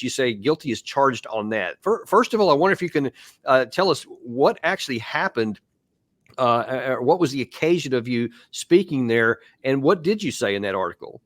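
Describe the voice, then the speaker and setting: A man's voice: mid-range voice, a bit bright, dry recording. A man hosting an interview, talking loosely with many fillers and restarts. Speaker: interview host. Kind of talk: conversational video interview.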